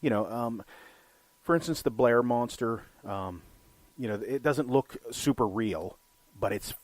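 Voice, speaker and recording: This film podcast co-host has a medium-pitched voice and a measured pace, recorded with no echo. He rambles casually about movies, swears freely, and says "you know" a great deal.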